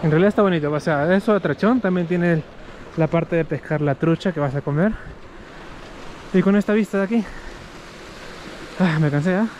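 A man talks through his road trip in a relaxed, rambling way, leaning on fillers as he goes. His voice sits a little high. The recording is noisy, with clear outdoor sound behind him. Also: moderate pace, pauses often. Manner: chatty, loose, with many fillers like "este" and "eh". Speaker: travel vlogger. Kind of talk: casual travel vlog commentary. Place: outdoors and on the road while traveling.

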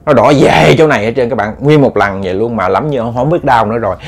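A man telling a ghost story in a lively way, speaking straight to his listeners with many repeats. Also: medium pitch, quick pace.

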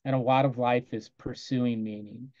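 Guy on a video call telling how his lesson went, keeps going "i go" and quoting himself, mellow voice, kinda dull lo-fi sound. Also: mid-range voice, steady tone, moderate pace, no echo. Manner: conversational, quotes himself often with "I go", soft asides. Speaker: teacher presenting a lesson. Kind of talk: casual recounting of a classroom lesson on a video call.

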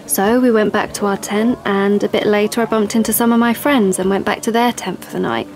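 Playing an assertive, persuasive young woman in an audio play, a woman speaks a little fast in a mid-range, darkish voice with fairly even intonation that sounds natural. Her insistent, explanatory manner feels confiding across monologue and dialogue, with soft background music.

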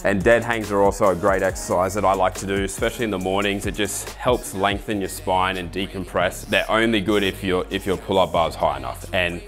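A man in his thirties with an Australian accent, giving a relaxed, enthusiastic walkthrough of his garage home gym. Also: low-pitched, fairly quick, hardly any pauses, faint music behind. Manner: relaxed, enthusiastic, explains with asides. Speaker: fitness ambassador giving a gym tour. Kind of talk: casual walkthrough to camera. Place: home garage gym with roller door, indoors.

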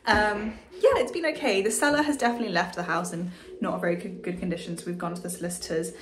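Talking fast in a steady, mid-range voice, a young adult woman narrates a casual vlog while walking, first through an empty house and then down a street. She holds her phone at arm's length and speaks chattily and candidly, with crowd noise audible.

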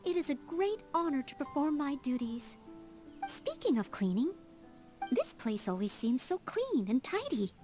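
A woman with a high, very animated voice plays an eager, polite young maid in video game dialogue, speaking at a measured pace. She sounds earnest, humble, formal and dutiful, slightly flustered, with faint game music behind her.

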